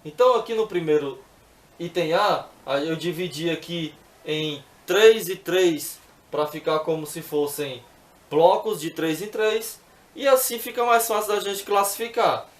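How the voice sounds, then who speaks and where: A man's voice: a little high, measured pace, reverberant. A man teaching math, working through exercises patiently step by step and often checking in with the viewer.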